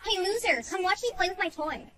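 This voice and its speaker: Woman doing a shrill bratty little sister. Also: expressive, a little fast, a crowd in the background. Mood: smug taunting. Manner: taunting, snotty. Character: bratty spoiled young sister, smug.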